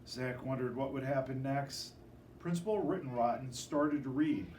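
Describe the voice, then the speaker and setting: A man reading a children's picture book aloud in an expressive, dramatic storytelling manner. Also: medium pitch, normal speed, echoey room. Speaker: storybook reader. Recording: distant microphone with faint background noise.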